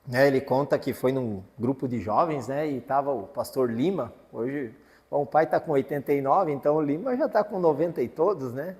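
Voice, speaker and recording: In a church hall with long reverb, a pastor preaches a sermon in a fairly high-pitched, darkish male voice. He tells a family story in a folksy style, often tacking on tag questions.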